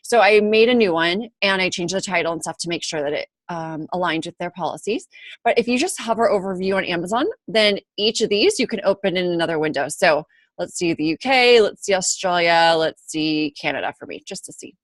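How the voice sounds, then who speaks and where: A woman's voice: lowish voice, animated, a little fast, no room sound. A woman hosting a casual video chat as a book-launch coach, explaining steps and laughing often.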